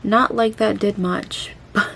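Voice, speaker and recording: A woman's voice: medium pitch, fairly even intonation, takes it slowly, gravelly, noisy background. A woman chatting casually and self-deprecatingly through a makeup vlog, her mouth and jaw swollen after having her wisdom teeth out. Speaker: beauty vlogger.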